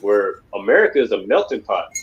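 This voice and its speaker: A religious class instructor with a lowish voice and big pitch swings talks fairly quickly, his recording lacking high frequencies. He lectures emphatically and rambles, repeating "you know what I mean" constantly.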